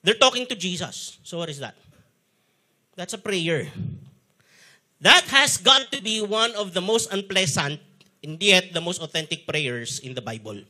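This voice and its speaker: A man's voice: high voice, a little slow, pauses often. A man with a Filipino accent preaching a sermon, mixing Tagalog and English and acting out the quotes he tells. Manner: animated storyteller, switching between Tagalog and English, acting out quotes. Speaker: pastor.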